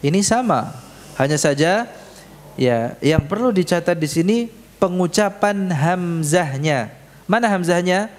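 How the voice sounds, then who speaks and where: A man teaching correct Quran letter pronunciation in a mosque, speaking slowly and patiently and leading the class in repeating sounds. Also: high voice, lively intonation, darkish tone. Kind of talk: tajwid lesson in a mosque. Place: mosque prayer hall. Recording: reverberant hall, faint room noise.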